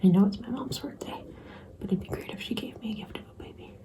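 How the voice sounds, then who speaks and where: A woman's voice: mid-range voice, fast. A young adult woman whispering a personal vlog, tearful and nervous. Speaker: vlogger filming a pregnancy test. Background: guitar music.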